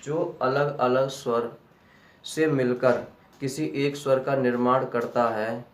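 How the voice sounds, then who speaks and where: A man teaching a grammar lesson slowly, repeating key terms back as questions to his students. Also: mid-range voice, fairly even intonation, noisy background. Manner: slow and deliberate. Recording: echoey room, voice from a distance.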